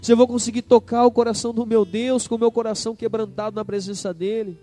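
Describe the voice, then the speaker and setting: A young Brazilian pastor preaching a sermon in church, swinging from hushed tender lines to loud emphatic ones and acting out quoted voices. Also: male voice, extremely high pitch, little pitch movement, quick pace, soft background music. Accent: Brazilian Portuguese. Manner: acts out quoted voices of children and God. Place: church service.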